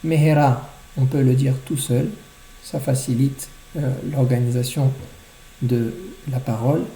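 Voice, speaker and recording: A man's voice: medium pitch, fairly even intonation, creaky, warm tone. Male instructor, methodical explainer, echoey room. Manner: methodical, repeats phrases slowly to model pronunciation. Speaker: teacher of liturgical chanting. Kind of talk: explanatory lesson with recited prayer phrases. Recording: roomy echo.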